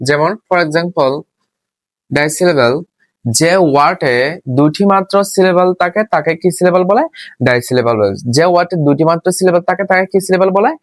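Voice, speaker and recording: A man's voice: fairly high pitch, fairly quick, dry recording. A male teacher talks through a lesson in a dry, close sound with no room around it. He keeps circling back to the same rule and poses questions only to answer them himself. He breaks words apart and spells them out letter by letter. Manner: repetitive, asks and answers his own questions. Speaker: English teacher. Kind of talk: spoken classroom lesson.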